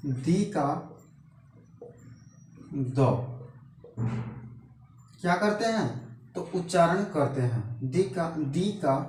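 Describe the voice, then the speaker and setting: A man teaching an English grammar lesson in Hindi, speaking slowly and repeating each point, asking questions and then answering them himself. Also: a little high, lively intonation, a little mellow, distant mic. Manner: slow, repetitive, asks rhetorical questions and answers them. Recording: echoey room, voice off-mic with faint noise.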